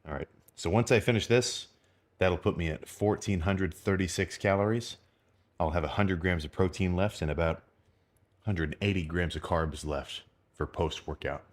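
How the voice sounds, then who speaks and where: A young man with a very deep, low voice talks to his vlog audience. He speaks informally and off the cuff, rambling along with plenty of slang. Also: normal speed. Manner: rambling, informal, full of slang and mild swearing. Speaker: fitness vlogger. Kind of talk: casual unscripted vlog chat about eating and training.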